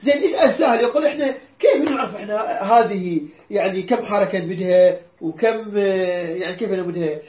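A woman's voice: medium pitch, brisk. A woman with an Iraqi accent teaching a Quran class, patiently repeating words and quizzing her students. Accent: Iraqi Arabic. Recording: roomy dull lo-fi recording.

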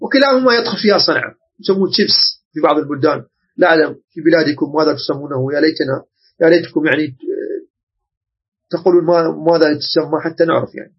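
A man from Iraq with an Iraqi Arabic accent, teaching a religious jurisprudence lesson and often pausing to check that listeners follow. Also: a little high, slightly rough, highs cut off. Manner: explanatory, checks understanding often.

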